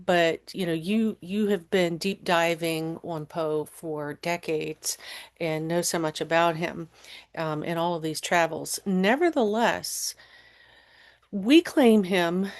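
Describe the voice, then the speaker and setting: Female podcast interviewer, lowish voice, slow and hesitant, lots of ums. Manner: hesitant, many ums, careful questions.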